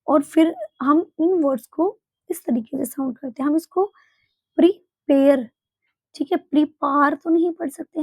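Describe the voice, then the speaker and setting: A woman teaching English pronunciation in a spoken English lesson, explaining slowly and repeating example words. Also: high voice, a little mellow, no echo. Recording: dull, dry, lo-fi home recording.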